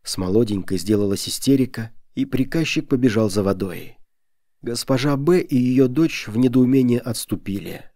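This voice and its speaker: A man narrating a detective's memoir as an audiobook, in a measured storytelling manner. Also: mid-range voice, warm tone, dry recording, clean studio sound.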